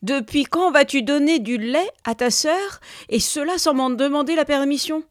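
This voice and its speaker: A hot-headed dreamer of a husband, voiced by a woman narrator, bellowing his outrage in a storybook tale. His voice jumps up high and loud when he yells. The sound is close and dry, with no room around it. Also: fairly quick, no echo, natural voice. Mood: furious. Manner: shouting, indignant.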